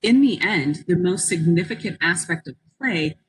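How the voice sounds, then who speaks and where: A woman with a low, husky voice leads an interactive webinar. She speaks in an encouraging, reflective way and often invites her listeners to join in. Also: lively intonation, moderate pace, low-quality recording. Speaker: workshop presenter. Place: online conference call.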